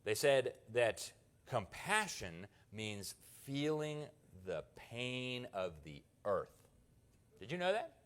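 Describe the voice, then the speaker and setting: A man's voice: medium pitch, big pitch swings, slow, clean tone. A man from the United States giving a conference speech, with mocking, sarcastic asides. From United States (Miami). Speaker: journalist giving a conference talk.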